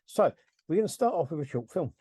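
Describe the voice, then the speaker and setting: A man's voice: fairly high pitch, sing-song, quick pace, dark tone, breathy edge, no room sound. A middle-aged man hosting a casual film review podcast, rambling, chuckling and correcting himself as he goes. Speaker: podcast host.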